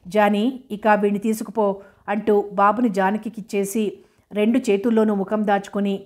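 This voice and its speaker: A woman narrating a novel in an even, measured audiobook reading. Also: medium pitch.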